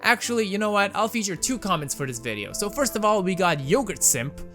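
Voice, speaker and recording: Speaking a little fast in a high, slightly bright voice with big pitch swings, a young Romanian-accented gaming channel host delivers casual game mod commentary. His voice-over is wry and self-mocking, and faint music plays in the background.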